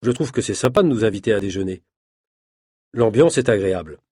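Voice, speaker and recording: Husky male audiobook narrator. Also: lowish voice, animated, fairly quick, a little mellow, no echo, studio quality. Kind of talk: scripted narration of a French learner story.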